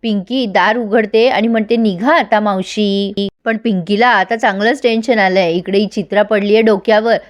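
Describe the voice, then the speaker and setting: A woman's voice: medium pitch, moderate pace, few pauses. A young woman retelling a television serial episode, acting out the characters' lines as she goes. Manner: lively retelling, voicing characters' quoted lines. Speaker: TV serial recap host. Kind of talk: storytelling recap of a soap episode.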